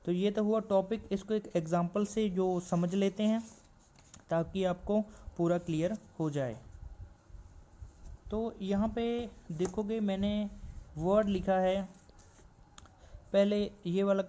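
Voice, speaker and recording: A male shorthand teacher giving a classroom explanation, asking and answering his own questions and repeating each rule slowly. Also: high voice, fairly even intonation, warm tone, lo-fi sound.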